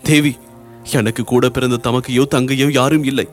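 A man's voice: medium pitch, fairly even intonation, normal speed, soft background music, lightly acted. A man voicing a grieving young noblewoman who pleads through sobs. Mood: pleading. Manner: sobbing, imploring.

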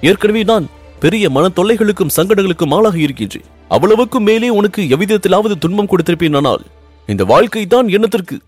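A man's voice: on the high side, expressive, brisk, slightly rough, faint music behind, pitched above the performer's own voice. A man reading aloud and voicing an anxious young prince in love, speaking earnestly and pleadingly. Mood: anguished. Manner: earnest, pleading, rising with emotion. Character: young Pandya prince, ardent and anxious lover.

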